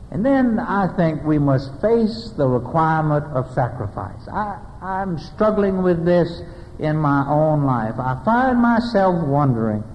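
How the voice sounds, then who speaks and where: Older preacher in a reverberant church. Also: male voice, on the high side, slight background noise. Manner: storytelling preacher, dramatic pauses, closing prayer. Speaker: pastor. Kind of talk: sermon. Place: church sanctuary. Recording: dull lo-fi recording with long church reverb.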